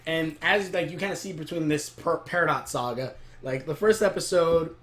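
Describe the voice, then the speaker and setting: A man casually reviewing a cartoon episode to camera in a rambling, excitable way. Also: on the high side, normal speed. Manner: rambling, excitable recap with frequent laughs.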